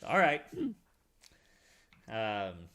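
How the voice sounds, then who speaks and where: A man's voice: lowish voice, big pitch swings, extremely slow, a bit bright, full character voice. A man playing a haughty, pompous librarian. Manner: stiff, condescending formal speech.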